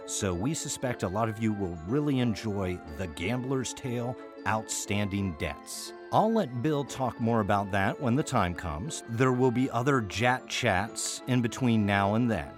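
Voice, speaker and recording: A fairly low-pitched, expressive American man talks a little slowly and with few pauses, music playing beneath him. As host and artistic director of an audio theater, he gives a conversational, wry podcast introduction to the season, peppered with playful asides.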